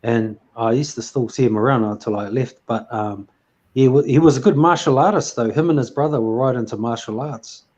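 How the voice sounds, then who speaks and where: A man's voice: mid-range voice, fairly quick, a little mellow, muffled recording. A man hosting a casual chat, rambling with lots of fillers and restarts. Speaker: host.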